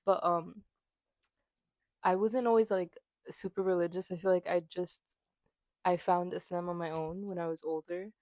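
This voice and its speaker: This New York-raised woman in her early twenties co-hosts a podcast, chatting casually and giggling, with plenty of fillers. Her fairly low voice is steady, a bit mellow, and moves at a moderate pace, picked up by a small desk mic with no echo.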